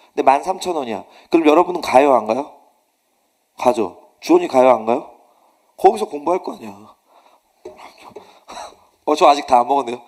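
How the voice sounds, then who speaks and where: A middle-aged male pastor giving a sermon, telling stories with animated delivery and acting out shouted quotes. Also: fairly high pitch, slightly rough.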